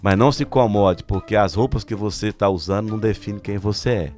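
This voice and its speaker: A man voicing God with a calm, measured delivery. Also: lowish voice, soft background music, close to an everyday voice. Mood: reassuring. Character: God speaking, calm and reassuring.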